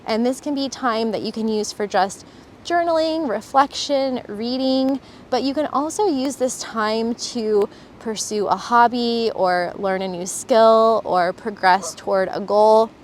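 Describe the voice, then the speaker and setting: A woman's voice: a little high, measured pace, slight background noise. A woman from Florida, a travel vlogger, talking earnestly and enthusiastically in a casual reflective vlog, recorded outdoors. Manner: earnest and enthusiastic, with some fillers.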